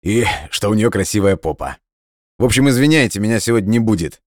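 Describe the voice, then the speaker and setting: A man's voice: on the low side, animated, fast, no echo, clean studio sound, voice pushed up, lightly acted. A man voicing a brash, cheeky young man who jokes crudely on the phone. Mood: brash, joking. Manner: loose, crude, laughing.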